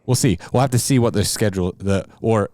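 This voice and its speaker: A man co-hosting a casual podcast chat, joking and laughing often, breaking into loud bursts. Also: fairly low pitch, a little fast, a little hiss or hum. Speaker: podcast co-host.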